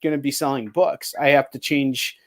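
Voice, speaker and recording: A man hosts a casual livestream chat, rambling in slangy language and swearing freely; he's also an indie comic creator. His voice is medium-pitched and steady, at a normal speed.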